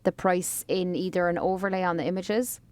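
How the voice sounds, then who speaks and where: A woman's voice: on the low side, little pitch movement, brisk, darkish tone, dry recording. A woman co-hosting a podcast, chatting casually with lots of filler words. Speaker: podcast co-host.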